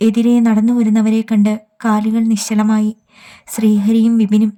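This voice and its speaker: High, mellow woman narrator. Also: moderate pace. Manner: steady, even reading. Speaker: audiobook narrator. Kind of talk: scripted narration.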